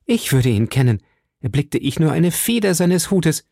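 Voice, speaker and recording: A man voicing an excitable, trusting young woman for an audiobook, raising his voice high and breathless. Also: moderate pace, gravelly, no echo, studio quality, heavily acted. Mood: eager. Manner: breathless, eager, pitched high. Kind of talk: audiobook reading.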